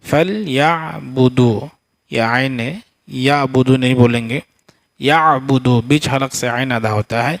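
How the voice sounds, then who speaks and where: A man teaching Quran recitation, giving quick spoken explanations between slow, drawn-out chanted verses. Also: medium pitch, steady tone, dry recording. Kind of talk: tajweed lesson, explaining and reciting.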